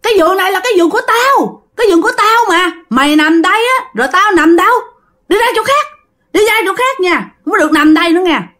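A woman voicing a shrill, angry young male ghost. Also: lively intonation, a little fast, close to an everyday voice. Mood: territorial. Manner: menacing, cursing and threatening.

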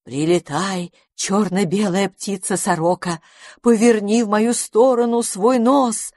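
A woman as a gentle, soothing spell-caster. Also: mid-range voice, steady tone, measured pace, no room sound, studio quality, voice pushed up, close to an everyday voice. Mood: chanting.

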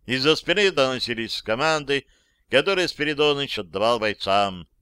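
A man's voice: mid-range voice, animated, normal speed, pushed and bright, clear, resonant tone, no echo. A man narrating a first-person audiobook in a wry, dry storytelling manner.

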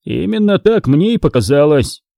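A man reading an audiobook voices a cold, calm, ironic mafia hunter. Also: fairly high pitch, normal speed, vocal fry, no room sound, studio quality, pitched above the performer's own voice.

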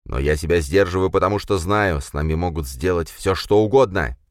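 A man's voice: sits low, no room sound, studio quality, natural voice. A male narrator voicing an agitated young man who snaps and hisses sarcastic remarks. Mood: heated. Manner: heated, sarcastic, quick to snap.

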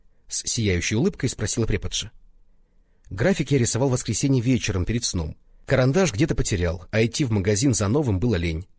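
A man's voice: fairly low pitch, animated, fast, a little mellow, husky, no echo, studio quality. A man reading a first-person story aloud, acting out other characters by raising his voice for their lines. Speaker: audiobook narrator. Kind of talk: first-person audiobook narration.

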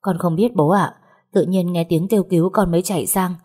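A woman reading a story voices a smooth, falsely friendly young man who schemes against his family. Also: lowish voice, fairly even intonation, a little fast, dark tone. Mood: insinuating.

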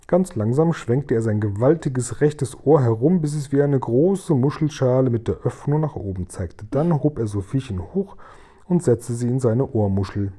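A man reads a children's book aloud in a mellow, warm voice. His storytelling is lively and expressive, at a middle pitch. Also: moderate pace. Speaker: reader.

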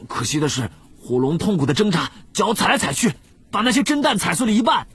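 A woman voicing an excitable, loyal teenage boy wizard in an audiobook, chattering fast with big leaps in pitch. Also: breathy edge. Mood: excited.

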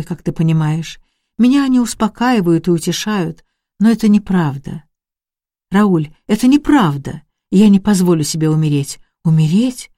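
A reader voicing a young, gravely ill woman who insists feverishly that she will live and orders others about. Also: medium pitch, mellow, no echo, studio quality, lightly acted. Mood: desperate, then defiant. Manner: pleading, then commanding and mocking. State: coughing, short of breath.

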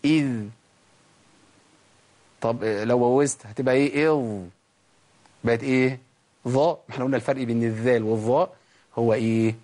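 This man is a Quran recitation teacher with an Egyptian accent, leading a tajweed lesson in which he raises questions, answers them himself, and lengthens letter sounds slowly for demonstration. His mid-range voice is steady and a little mellow.

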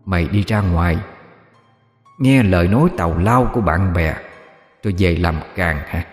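A stern old mother's ghost scolds in a low, commanding voice, as a male narrator puts her on. She talks down to her son with steady authority. Faint music sits underneath. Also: moderate pace, reverberant, in a large hall, lightly acted. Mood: scolding.

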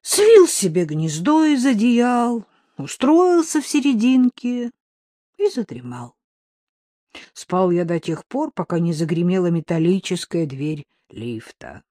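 A woman narrating a storybook in the first person as a playful dog, with an expressive reading. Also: fairly low pitch, slow pace, no room sound, studio quality. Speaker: audiobook narrator.

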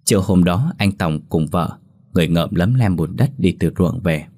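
Man, deep voice, ghost story narration, steady and expressive. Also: normal speed.

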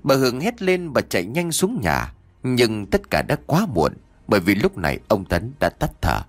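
A man narrating a horror story in an expressive, theatrical way. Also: mid-range voice, normal speed, no echo, faint music behind.

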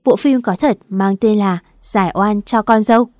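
A woman reading the lines of an elderly father-in-law, measured and authoritative, in a storybook narration. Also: mid-range voice, a little mellow, no room sound, studio quality, natural voice. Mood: firm. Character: stern elderly father-in-law, calm and firm.

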